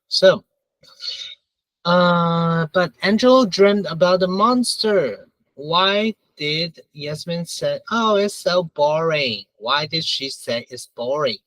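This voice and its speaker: A man's voice: on the high side, sharp tone, no echo, low-quality recording. A man teaching a grammar review, repeating points often with frequent "uh" and "right?" checks. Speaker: English teacher.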